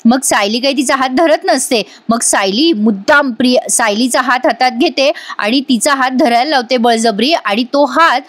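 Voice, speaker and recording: High-voiced chatty woman reviewer. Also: normal speed, hardly any pauses, fairly bright tone. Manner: chatty, amused, addresses viewers directly. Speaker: TV serial reviewer. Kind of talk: casual voice-over episode recap.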